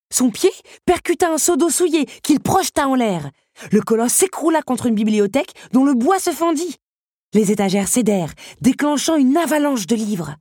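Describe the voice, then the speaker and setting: A woman reading a storybook chapter aloud. Her voice is warm and mellow, recorded dry and close. She tells the story expressively, with plenty of drama. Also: a little high, no echo. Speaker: audiobook narrator. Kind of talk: storybook narration.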